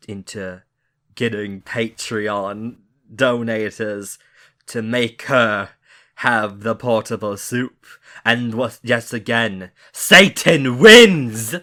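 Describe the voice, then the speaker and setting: Guy doing a smug satan pretending to be french, fake vaguely european accent, slow low gloating. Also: steady tone, sharp tone. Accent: vague European put-on accent.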